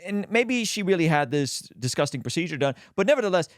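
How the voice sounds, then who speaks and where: A man's voice: on the high side, sing-song, fast talker, dry recording, clean studio sound. A man giving casual, opinionated video commentary as a host, speaking colloquially and with emphasis. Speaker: host of a reaction show.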